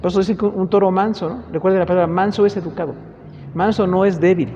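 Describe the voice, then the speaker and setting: A man's voice: sits high, steady tone, fast talker, dark tone, a little hiss or hum. A male Bible teacher with a Mexican Spanish accent, giving a conversational church-class lecture and often tagging sentences with rhetorical questions. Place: church hall. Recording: dull lo-fi recording with long hall reverb.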